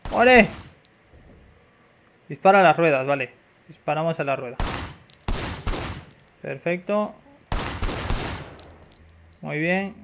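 Excitable young man from Spain, high voice. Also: takes it slowly, long pauses, background noise. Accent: Spain Spanish. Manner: excitable, loud exclamations, frequent swearing. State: slightly congested. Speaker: gameplay commentator. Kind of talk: casual let's-play commentary.

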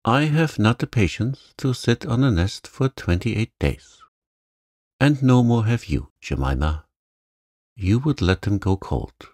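A man voicing an impatient, bossy female duck in a sleep story, gently scolding. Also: medium pitch, very animated, a little slow, dry recording, studio quality.

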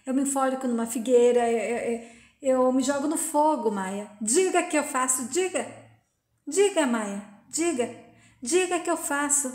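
Um rapaz apaixonado e desesperado implora perdão, lido por uma mulher de voz aguda em tom lento e sincero. O som tem eco de sala. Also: female voice, high voice, a little mellow. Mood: pleading. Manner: plain reading of quoted dialogue, slow and earnest. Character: young man, heartbroken and pleading. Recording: roomy echo.

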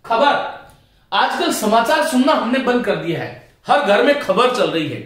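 A man's voice: very high-pitched, big pitch swings, measured pace, a bit bright. A middle-aged man teaching Hindi grammar for exam prep, carefully repeating words to model their pronunciation and appealing to his students in earnest. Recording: very echoey room.

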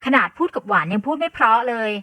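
A stern teenage schoolgirl scolds her friend in a firm, pointed tone, as a woman reads her out. The voice sits a touch high and bright. It is recorded dry and close. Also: normal speed, dry recording. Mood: scolding.

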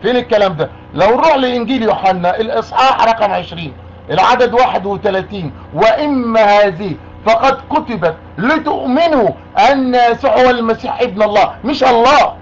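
Egyptian guy arguing on a call, high voice, rapid, keeps demanding the same thing, muffled recording. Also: animated. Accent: Egyptian Arabic. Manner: insistent, repeats demands. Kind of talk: argumentative phone call. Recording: muffled lo-fi call with faint noise.

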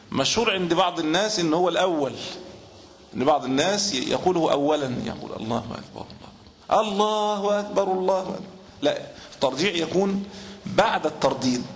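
Man, fairly high voice, measured religious teacher, echoey room with faint background noise. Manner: measured explanation, sometimes chants the call to prayer to demonstrate. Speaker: Islamic teacher. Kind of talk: religious lesson explaining hadith.

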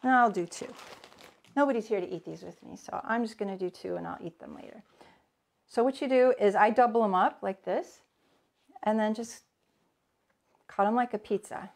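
This cooking instructor, a woman in her forties, greets viewers by name and chats while demonstrating a dish live from her home kitchen. Her mid-range voice is gravelly and darkish, and at normal speed she pauses often.

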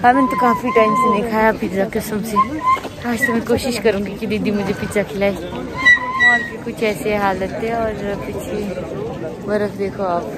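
A young woman vlogs on a phone camera as she walks through a busy outdoor street. She talks loudly and chattily straight to the viewers. The chatter of a crowd fills the background. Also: mid-range voice, huge pitch swings, normal speed, heavy background noise. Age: young adult. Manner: loud, chatty, talking to camera while walking. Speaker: vlogger. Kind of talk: casual vlog chat. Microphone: handheld phone camera, no mic.

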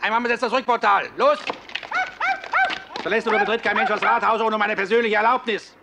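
An older actor playing a curt, commanding Prussian captain in a period film, giving orders with a German drill sergeant's bark. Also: male voice, high-pitched, steady tone, brisk, a crowd in the background. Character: ageing self-appointed Prussian army captain, curt, commanding. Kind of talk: period military film acting. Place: outdoors on street, film microphone. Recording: noisy old film soundtrack.

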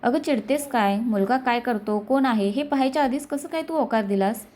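A woman's voice: on the high side, a little fast, darkish tone, natural voice. Brief: woman storyteller voicing a cheerful teasing girlfriend, storybook reading. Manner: teasing, playful. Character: young woman, teasing cheerful best friend.

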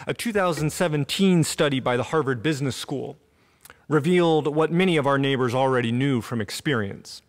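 A man in his thirties preaches a sermon at a podium mic in an empty church sanctuary. His delivery is earnest and measured, with deliberate pauses. His voice sits in an ordinary middle register. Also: mid-range voice. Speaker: pastor. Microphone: podium gooseneck mic.

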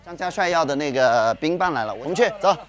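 Young male reality-show regular, conversational, a touch high-pitched, faint music bed. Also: lively intonation, quick pace, fairly bright tone. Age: young adult. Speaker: reality show cast member. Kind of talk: casual chat. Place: farmhouse and its open courtyard. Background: light music.

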